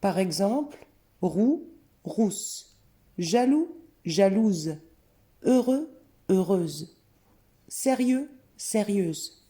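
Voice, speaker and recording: Woman, scripted lesson narration, unhurried, deliberate word examples, mellow voice. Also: medium pitch, expressive. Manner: slow, careful, clearly spelled-out word examples. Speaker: French teacher.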